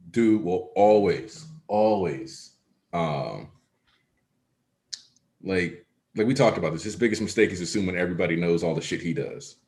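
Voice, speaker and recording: A man's voice: sits low, a little mellow. Laid-back man rambling about anime. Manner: rambling, many likes and ums. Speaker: podcast co-host. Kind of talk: casual chat.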